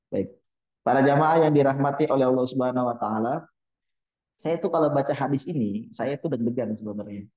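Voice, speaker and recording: A man leading a casual religious study gathering, often quizzing his listeners and joking, with sudden high bursts in his voice. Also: warm tone. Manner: keeps quizzing the audience with quick questions. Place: Islamic boarding school gathering hall. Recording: roomy, slightly dull sound.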